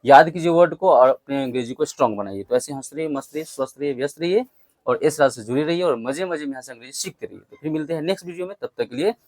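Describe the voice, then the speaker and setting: Speaking rapid-fire in a fairly high, slightly mellow voice on a dry recording, a young male teacher drills English vocabulary. He spells every word letter by letter, and his students repeat after him.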